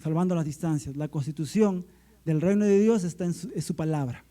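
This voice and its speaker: A middle-aged man preaching a sermon to his church, swelling into emphatic lines and slowing to stretch out key words. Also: fairly high pitch, mellow. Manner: preaching with surging emphasis and slowed, stretched phrases. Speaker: pastor. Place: church service.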